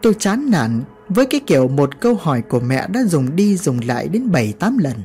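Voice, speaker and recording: A woman's voice: sits low, very animated, fairly quick, dark tone, soft background music. A woman narrating a first-person horror story in a scripted storytelling style.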